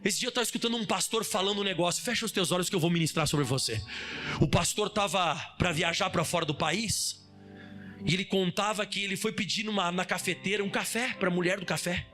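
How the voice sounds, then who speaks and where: A male pastor giving a lively sermon, acting out scenes and rising to fervent, emphatic prayer. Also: high-pitched, brisk, faint music behind.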